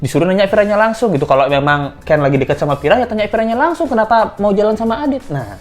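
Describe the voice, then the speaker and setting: A man's voice: sits high, animated, rapid-fire. A man giving casual commentary as he reads out messages, lifting his voice to mimic the writers and laughing often. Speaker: commentary vlogger.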